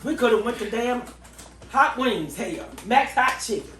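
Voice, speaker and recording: A woman's voice: on the high side, lively intonation, unhurried, a bit bright, echoey room. An older woman, a grandmother, bantering bluntly with her family, cursing and exasperated.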